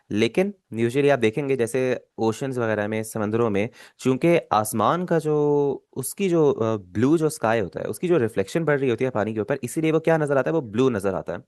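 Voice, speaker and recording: A man teaching a language lesson, patiently explaining and repeating key words slowly. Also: medium pitch, darkish tone, no echo, studio quality.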